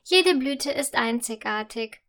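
Woman voicing a caring tulip flower, soft and careful, high voice, children's audio story. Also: animated, slow pace, full character voice. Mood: warm.

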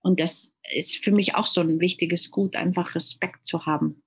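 Here the woman's fairly low voice carries a breathy edge, keeping even intonation at a moderate pace. Earnest in a relaxed interview, this German native speaker of German and Italian tends to repeat words while hunting for the next one.

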